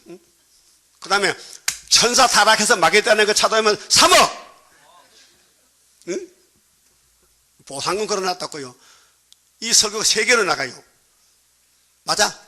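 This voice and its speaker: A Gyeongsang Korean pastor delivers his sermon with a tense, ringing brightness. His voice sits a little high for a man. He talks plainly and jokes, throwing questions back at the congregation again and again. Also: animated, normal speed, pauses often. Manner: prods the congregation with constant questions; colloquial, joking preaching.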